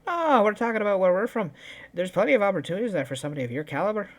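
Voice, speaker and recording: A man's voice: high voice, lively intonation, rapid-fire. A man playing a character in a tabletop game, joking around and laughing often. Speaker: player.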